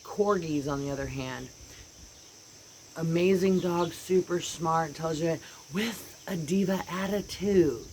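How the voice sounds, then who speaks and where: A woman's voice: deep voice, unhurried. An American woman vlogger chatting casually and rambling about her dogs, sitting outside on a porch. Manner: rambling and animated, voices her dogs' thoughts. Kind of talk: casual chat. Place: outdoors on a porch. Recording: outdoor noise with birds and insects. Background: birds and insects.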